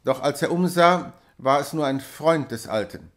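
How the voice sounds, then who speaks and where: A man reading a classic novella aloud in a measured, dramatic storytelling manner. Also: on the high side. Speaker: audiobook reader. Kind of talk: literary reading.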